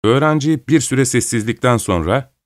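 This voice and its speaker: A man reading a story aloud as narrator in a steady, measured manner. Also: mid-range voice, no echo, studio quality. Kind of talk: scripted narration.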